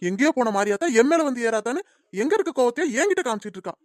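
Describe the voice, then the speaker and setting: A woman's voice: on the high side, very animated, rapid-fire, dry recording, clean studio sound. A woman voicing a timid, henpecked husband in a cartoon comedy. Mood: pleading. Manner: timid, pleading. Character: meek henpecked husband, middle-aged man.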